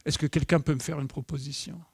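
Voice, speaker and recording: Lively French trainer speaking to an audience. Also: male voice, fairly high pitch, fast talker, creaky, breathy edge, no echo, studio quality. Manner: lively, acts out dialogue, asks the audience questions. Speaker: nonviolent communication trainer. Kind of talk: live conference talk to an audience. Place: conference room.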